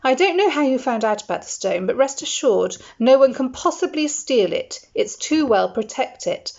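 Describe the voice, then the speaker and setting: A woman's voice: high voice, expressive, normal speed, gravelly, darkish tone, pitched above the performer's own voice, full character voice. A woman voicing a strict, stern female professor with a clipped way of speaking, on a dull lo-fi recording. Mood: firm.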